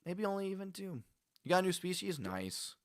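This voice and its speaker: A man with a high-sitting voice and big swings in pitch chats a little quickly with viewers during a game livestream. He rambles, laughs, restarts a lot and greets people by name, with slight background noise present.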